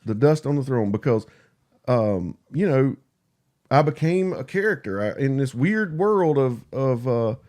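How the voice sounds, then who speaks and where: A man speaks in a country drawl at a middling pitch. His talk is casual and confessional, with halting repeats, self-deprecating remarks and loose swearing, like a guest on a relaxed podcast. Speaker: podcast guest and YouTube creator. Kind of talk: casual, candid conversation.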